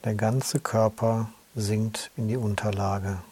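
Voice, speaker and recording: A man slowly guiding a yoga nidra relaxation in a calm, soothing way. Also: lowish voice, husky. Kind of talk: guided relaxation instructions.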